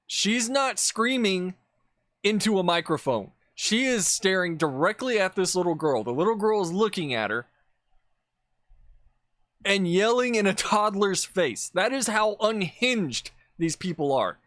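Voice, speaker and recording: Man commentator, slightly high voice, dry close mic, blunt profane ranting over clips. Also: sing-song, measured pace, fairly bright tone, no room sound. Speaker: political commentator.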